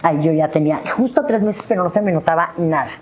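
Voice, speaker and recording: A woman's voice: fast, darkish tone, slight background noise. Woman telling her story, acting out voices. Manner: acts out her own past words with sudden high-pitched bursts. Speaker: podcast guest. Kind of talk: emotional personal storytelling.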